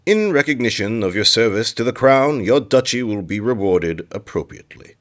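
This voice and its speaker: A man's voice: on the low side, lively intonation, fairly bright tone. A man playing a stern, imperious king. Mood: decreeing. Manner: commanding, measured royal decrees. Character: stern imperious middle-aged king and father. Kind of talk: audio drama acting.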